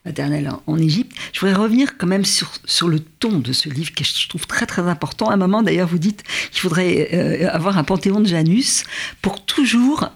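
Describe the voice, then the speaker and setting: Husky woman hosting a book interview. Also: fairly low pitch, animated, moderate pace. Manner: admiring, prompting, fills in the guest's words. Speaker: host of a literary show. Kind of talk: literary interview.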